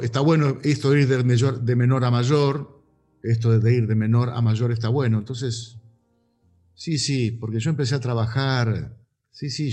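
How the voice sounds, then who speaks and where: A man in his fifties with a Rioplatense Argentine accent, a voice actor talking animatedly in a casual interview. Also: medium pitch. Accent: Rioplatense Argentine Spanish. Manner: animated, gesturing storyteller. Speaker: voice actor guest. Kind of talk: casual interview over a call.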